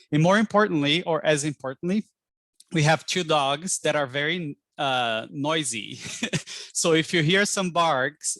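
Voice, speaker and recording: A man's voice: mid-range voice, fairly bright tone, no echo. A man in his forties from Brazil, hosting an online admissions info session in a chatty, friendly way with frequent ums. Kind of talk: webinar presentation. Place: home pottery studio. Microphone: video call.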